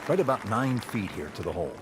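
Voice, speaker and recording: A man's voice: lowish voice, big pitch swings, fast, noisy background. A man working as a lead golf commentator, calling play in short, polished lines. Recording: music and crowd behind. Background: music, loud crowd.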